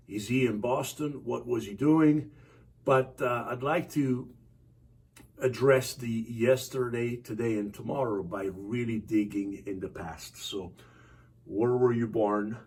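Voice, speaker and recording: A man hosting a podcast interview, asking open questions in a relaxed, chatty way. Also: medium pitch. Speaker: podcast host. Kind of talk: conversational interview. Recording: distant mic with faint background noise.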